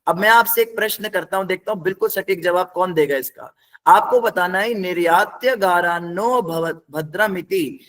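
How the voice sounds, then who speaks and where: A man's voice: high-pitched, fairly bright tone. A man teaching a scripture class, explaining word by word in a patient, step-by-step way and putting questions to his students.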